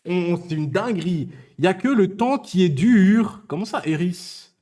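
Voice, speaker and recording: A man's voice: high voice, animated, normal speed, mellow. A young man from Switzerland chatting casually on a live stream, teasing his viewers and stammering through restarts.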